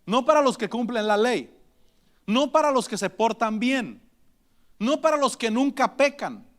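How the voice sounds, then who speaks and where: A male pastor preaching a sermon, calling on the congregation and dropping to a hush for acted prayers. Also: very high-pitched, measured pace. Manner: animated preaching with calls to the congregation; drops to a hushed voice for acted prayers.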